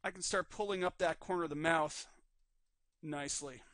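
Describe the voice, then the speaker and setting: A man teaching a live 3D rigging class, calmly narrating each step on screen while his voice is slightly worn. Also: a little high, moderate pace, no echo. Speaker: 3D rigging instructor. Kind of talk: live screen-recorded software tutorial.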